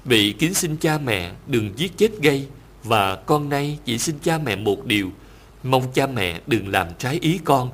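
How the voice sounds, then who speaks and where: Male reader voicing a selfless young prince in a scripture story; calm, reverent, measured. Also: medium pitch. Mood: earnest pleading. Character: devoted young prince, gentle and self-sacrificing.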